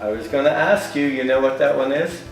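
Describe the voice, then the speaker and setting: A man's voice: medium pitch, fairly quick. A man co-hosting a cooking show, chatting in a playful put-on Irish brogue. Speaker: co-host. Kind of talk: casual chat. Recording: echoey room with music.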